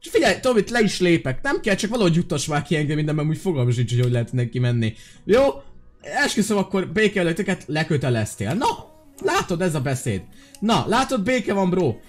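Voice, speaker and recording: A man hosting a video game channel, giving playful, excitable commentary while talking to his viewers. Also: on the high side, soft background music. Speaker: gaming video host.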